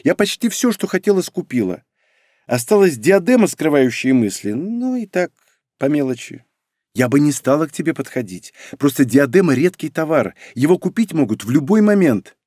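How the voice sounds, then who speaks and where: A man's voice: a little high, very animated, normal speed, warm tone, no echo, clean studio sound. A man reading an audiobook, voicing a cheerful, spendthrift young red-haired woman who whines and wheedles. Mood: pleading. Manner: whiny, wheedling, dramatic.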